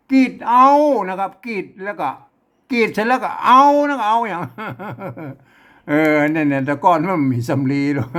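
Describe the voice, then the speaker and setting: A man with a Northern Thai accent leads a casual reading lesson from an old text. His voice sits a little high for a man. He stops often, repeats syllables as he deciphers them and breaks into small chuckles. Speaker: teacher reading an old manuscript.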